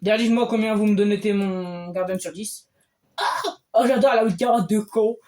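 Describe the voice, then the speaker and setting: Excitable man cheering over a game. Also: high voice, a little fast. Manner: excitable, bursts into loud cheers. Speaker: game streamer. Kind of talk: casual gameplay commentary.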